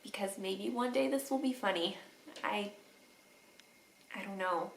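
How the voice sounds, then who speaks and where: A woman teacher crying through a tender, halting video message to her students, with sniffles and teary laughs. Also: mid-range voice, creaky, roomy sound, a little hiss or hum, rough recording. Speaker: third grade teacher.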